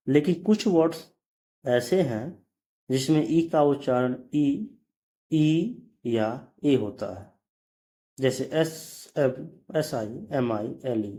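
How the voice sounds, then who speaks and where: Spelling out each word letter by letter and then saying it, a man gives a slow English pronunciation lesson, correcting himself now and then. His voice is mid-range and mellow.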